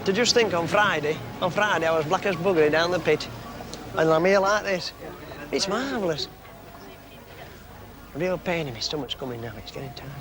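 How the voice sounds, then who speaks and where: A man's voice: on the high side, normal speed, long pauses, noisy background. A man, a coal miner talking plainly for an old documentary, his broad local speech full of little asides. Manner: plain-spoken, broad local speech, nervous before going on. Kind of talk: documentary interview.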